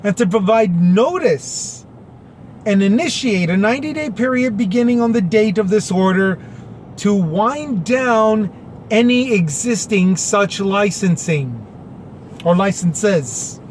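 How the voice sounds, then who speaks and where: Speaking slowly and expressively in a high register, a man who makes commentary videos reads a government order aloud. He explains it plainly with a sarcastic edge, and faint background noise is present.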